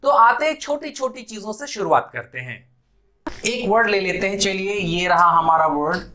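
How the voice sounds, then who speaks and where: A man with a Bihari Hindi accent teaching spoken English in a classroom lesson. He explains patiently, stretches words out to show their sounds, and slips into slow English phrases. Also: high-pitched, animated, bright, forceful tone.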